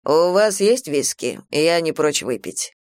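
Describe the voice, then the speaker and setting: Easygoing male god in an audiobook, drawling and offhand, lowish voice, read by a woman. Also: lively intonation, takes it slowly, a little mellow, no room sound. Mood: wry.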